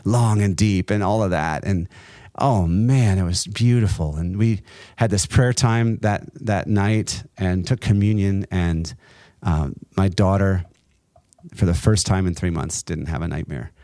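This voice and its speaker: A middle-aged man speaks in a very low voice, recorded close and dry. He tells his story as an interview guest in an earnest, halting way, with many restarts and a few laughs. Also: mellow, dry recording. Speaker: guest, entrepreneur and nonprofit co-founder.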